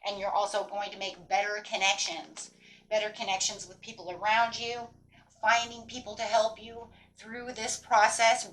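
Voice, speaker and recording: A woman with a mid-range, fairly bright voice gives a spontaneous, rambling tarot reading as a fortune teller, encouraging and affirming and often checking in with "right?" and "you know". The audio is poor, with a little hiss or hum.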